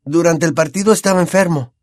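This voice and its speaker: A man voicing a thoughtful teenage boy in an audiobook, measured and puzzled. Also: on the high side, no echo, studio quality, pitched above the performer's own voice, close to an everyday voice. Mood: doubtful.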